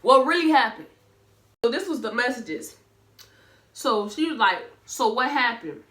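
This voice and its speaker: Blunt, animated Southern woman commenting. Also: a little high, unhurried, roomy sound. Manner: blunt, animated and sarcastic, talking straight to viewers. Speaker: reaction commentator. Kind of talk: casual commentary reading messages.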